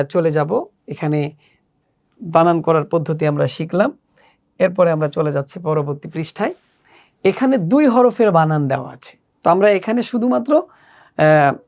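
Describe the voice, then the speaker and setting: A teacher giving a recorded children's lesson, spelling out letters one by one in slow, deliberate drills and explaining patiently between them. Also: mid-range voice, vocal fry, darkish tone.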